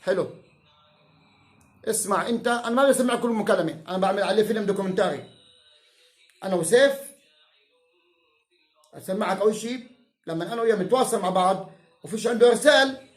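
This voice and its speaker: A man's voice: high voice, fast talker, pauses often, reverberant. A man with a Palestinian Arabic accent delivers an angry, heated, profane rant to camera, mocking and insulting those he argues against. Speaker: self-styled political commentator.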